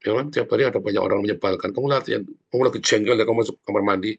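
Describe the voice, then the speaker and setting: Animated man preaching a morning sermon. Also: lowish voice, rapid-fire, creaky, breathy edge, muffled recording. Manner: animated, informal preaching that often addresses listeners as brothers and sisters. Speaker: pastor.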